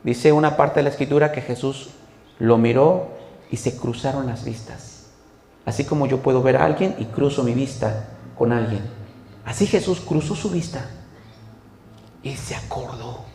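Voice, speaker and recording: A man preaching a sermon as pastor, telling the story with lively acted-out voices. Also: mid-range voice, normal speed, long pauses. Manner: animated storytelling, acts out quoted speech. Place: church hall. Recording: echoey church hall.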